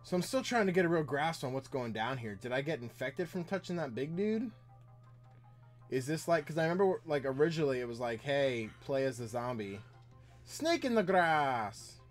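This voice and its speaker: A man's voice: fairly high pitch, very animated, moderate pace. Chatty male streamer playing and reading chat, faint music behind. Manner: rambling, chatting with viewers while playing. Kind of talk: casual gameplay chat.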